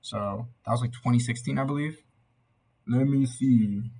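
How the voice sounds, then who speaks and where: Young guy kinda tipsy, husky voice, just rambling thru an album review, super casual. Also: mid-range voice, normal speed, a little mellow, rough recording. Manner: tipsy, loose and meandering. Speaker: amateur music reviewer.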